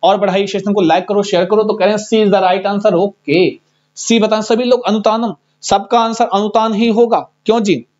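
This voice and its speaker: A man's voice: high-pitched, steady tone, normal speed, a little mellow. A man teaching a live online exam-prep class, chatty and teasing, reading out students' answers. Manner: chatty, teasing, reads students' chat aloud. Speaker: Sanskrit teacher. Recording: dull lo-fi stream audio.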